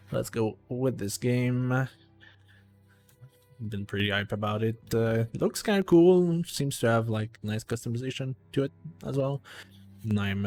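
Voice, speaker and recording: A man's voice: mid-range voice, a little mellow. A man streaming a video game live, talking casually to chat with many fillers and restarts while he reads menus aloud.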